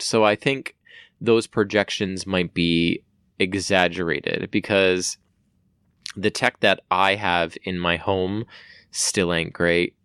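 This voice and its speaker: Very deep smooth-voiced man chatting. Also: fairly bright tone, dry recording, studio quality. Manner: playful, skeptical, acts out quoted dialogue. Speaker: podcast co-host. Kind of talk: casual chat.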